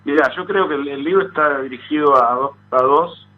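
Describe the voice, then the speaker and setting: A man's voice: on the high side, fairly quick. Argentine man explaining over a tinny phone line. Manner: thoughtful, frequent "este" fillers. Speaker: psychologist guest. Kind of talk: explanatory interview talk. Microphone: phone call.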